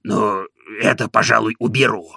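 A man voicing a sulky, put-upon old manservant who grumbles slowly in an aggrieved tone, for a storybook reading. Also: medium pitch, creaky, pushed and bright, husky, dry recording, clean studio sound, full character voice.

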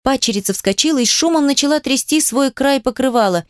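A woman reading a novel aloud as the narrator, steady first-person storytelling. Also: sits high, fast talker, no echo, studio quality. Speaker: audiobook narrator. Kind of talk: scripted narration.

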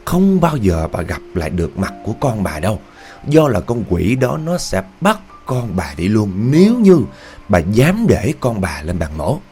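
A man's voice: on the low side, sing-song, moderate pace, darkish tone, a little hiss or hum. A man doing an ominous fortune teller.

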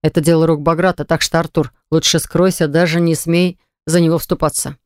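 A woman's voice: level tone, brisk, a little mellow, no echo, studio quality, close to an everyday voice. A woman doing a growling, furious young man. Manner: low, clipped, threatening through clenched teeth.

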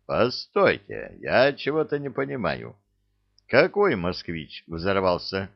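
A man's voice: low voice, huge pitch swings, takes it slowly, vocal fry, no room sound, highs cut off, full character voice. A man voicing a blunt, commanding middle-aged army lieutenant colonel. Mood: stern.

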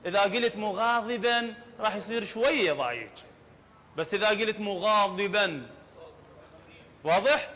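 A man with an Iraqi Arabic accent teaching Quran recitation, explaining letter sounds and often asking if it is clear. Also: high voice, big pitch swings. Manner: explanatory, checks understanding often, demonstrates sounds slowly. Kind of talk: classroom lesson on tajweed. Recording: dull lo-fi recording with long hall reverb and faint hum.

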